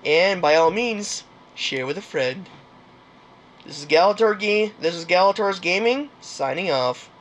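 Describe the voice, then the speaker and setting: A young man with a high, animated and fairly bright voice speaks unhurriedly while hosting a gaming channel. In this casual game commentary outro, he chats hesitantly, full of fillers and restarts.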